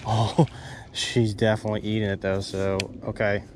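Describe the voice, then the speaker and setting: Excitable man fishing by a pond. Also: lowish voice, normal speed. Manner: excitable, talks to the fish and viewers. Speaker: fishing vlogger. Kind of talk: casual narration while fishing. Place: outdoors at a pond bank. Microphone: head-mounted action camera. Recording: outdoor camera mic with nature noise.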